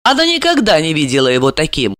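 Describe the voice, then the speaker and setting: A woman narrating a novel as an audiobook reader, measured and expressive. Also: sits low, no echo. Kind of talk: scripted narration.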